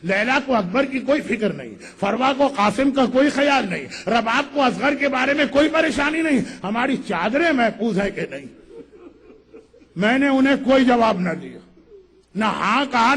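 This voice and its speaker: A man's voice: extremely high pitch, animated, fairly bright tone. A male religious orator delivering an impassioned mourning sermon, telling the story dramatically and voicing the figures in quotes.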